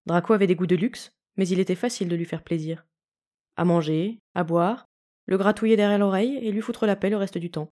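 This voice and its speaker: A woman reading a fanfiction story aloud in calm, even audiobook narration. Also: mid-range voice. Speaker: fanfiction reader.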